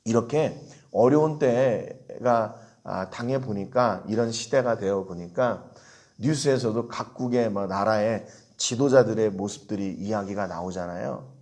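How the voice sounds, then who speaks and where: Gravelly-voiced man preaching a sermon. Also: fairly low pitch, measured pace, a little mellow. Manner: asks the congregation questions, acts out prayers. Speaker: pastor. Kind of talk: early-morning prayer sermon.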